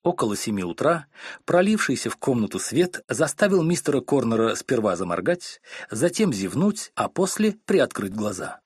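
A man reading an audiobook story as narrator, with expressive storytelling. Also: medium pitch, moderate pace, husky, no echo, studio quality. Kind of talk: scripted narration.

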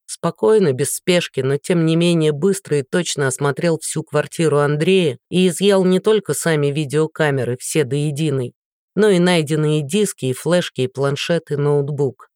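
A man reading a novel aloud in a steady, even storytelling manner. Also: a little high, moderate pace, dry recording, clean studio sound. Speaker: audiobook narrator. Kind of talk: scripted narration.

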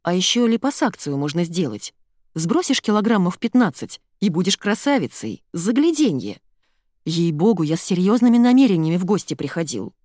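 A woman's voice: lowish voice, big pitch swings, moderate pace, darkish tone, no room sound, clean studio sound. A woman doing a sheepish, evasive young man. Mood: pleading. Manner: mumbling, sheepish, excuse-making. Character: poor young man, weak-willed and evasive.

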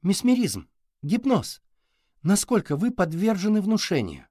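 A man's voice: sits high, huge pitch swings, unhurried, darkish tone, no echo, studio quality, voice pushed up, full character voice. A man voicing a determined young girl inventor who presses with eager questions.

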